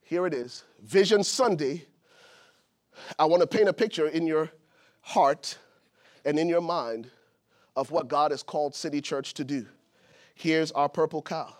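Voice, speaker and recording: A preacher from Liberia delivers a sermon with a high voice. He builds his points with rising emphasis and at times shouts them out to the congregation. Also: unhurried, long pauses. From Liberia, West Africa. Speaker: pastor.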